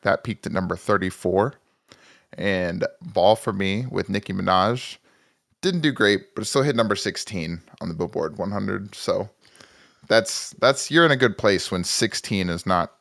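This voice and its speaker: Deep-voiced man on a chatty podcast. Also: fairly bright tone, no echo, clean studio sound. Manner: joking, self-mocking, rambling with restarts. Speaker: podcast co-host. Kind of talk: casual podcast chat.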